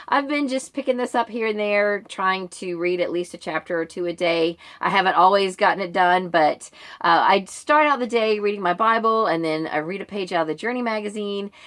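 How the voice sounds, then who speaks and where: In an informal, rambling way, a middle-aged American woman who vlogs about books and belongs to a book club gives her viewers a conversational reading update. She has a medium-pitched, slightly bright voice.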